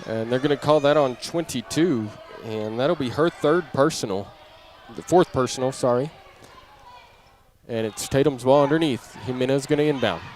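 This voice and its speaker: The voice is mid-range and a bit mellow: a man giving live play-by-play of a basketball game in the style of radio commentary. He speaks in clipped running phrases that rise on big plays, inside a gym where ambient noise and a bouncing ball make the audio clearly noisy.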